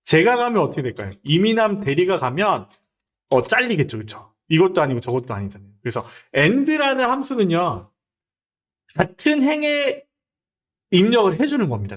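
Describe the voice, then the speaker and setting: Lively male lecturer with a high voice. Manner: lively, rhetorical questions to viewers. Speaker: teacher. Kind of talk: spreadsheet exam lecture.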